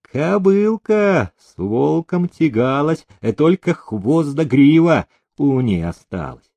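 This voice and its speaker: A man reading an audiobook, voicing an older tyrannical master with a slow, threatening delivery. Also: lowish voice, very animated, gravelly, dark tone, breathy edge, no echo, exaggerated voice. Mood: menacing.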